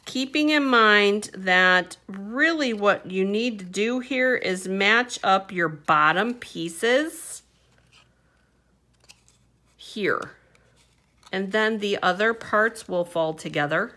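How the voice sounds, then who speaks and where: A woman's voice: medium pitch, slow pace, long pauses, pushed and bright. A woman teaching a papercraft project at her desk, chatting casually through each step with fillers and little hums. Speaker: papercraft instructor. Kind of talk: hands-on craft tutorial. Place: indoor craft table.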